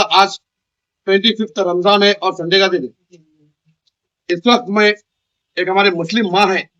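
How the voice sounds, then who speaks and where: Loud high-voiced man ranting. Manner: loud, repetitive, declaiming in short bursts. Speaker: local news channel chairman. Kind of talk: ranting address to camera.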